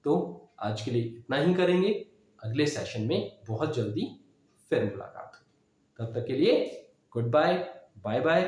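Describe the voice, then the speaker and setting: A man's voice: mid-range voice, expressive, a little slow, darkish tone. Echoey man teaching English vocabulary. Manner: explains with mnemonics, frequent "है ना?" check-ins. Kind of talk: classroom-style vocabulary lesson. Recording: very echoey room.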